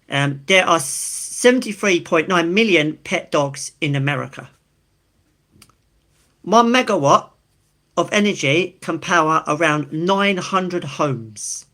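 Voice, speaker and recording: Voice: medium pitch, fairly bright tone. A live stream host with an Essex accent, casually reading things out and adding chatty, informal asides. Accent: Essex, England. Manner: chatty, informal, reacts to each fact with amused asides.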